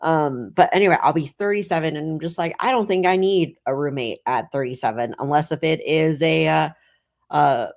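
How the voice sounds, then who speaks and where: Casual guest: thirties woman, deep for a woman, meandering chat full of fillers. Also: normal speed, a little mellow. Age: 30s. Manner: rambling, heavy filler "like". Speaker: guest comedian.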